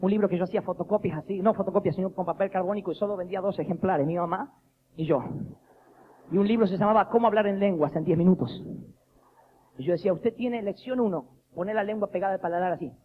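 A man preaches in a lively, joking storytelling style and acts out the voices he quotes. His voice sits high. The recording sounds dull and lo-fi, with faint noise behind him. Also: fast talker.

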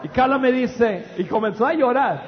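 A middle-aged preacher with a very high voice tells humorous stories in a sermon, speaking loudly and animatedly at normal speed with stammered restarts. The dull recording catches a long-echoing hall, with the congregation faintly audible and some chatter behind him.

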